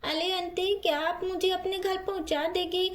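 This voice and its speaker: A tearful little lost girl with a lisp, in a squeaky, very high voice, as a woman puts her on. She talks in clumsy baby talk for a doll storybook video. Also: level tone, normal speed. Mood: pleading. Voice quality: childish lisp.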